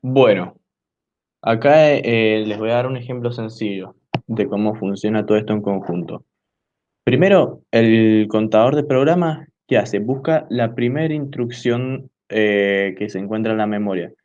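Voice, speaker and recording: A young man giving a hesitant student class presentation, filling pauses with "eh" while pointing things out on a diagram. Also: lowish voice. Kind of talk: class presentation explaining computer hardware. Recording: dull lo-fi recording.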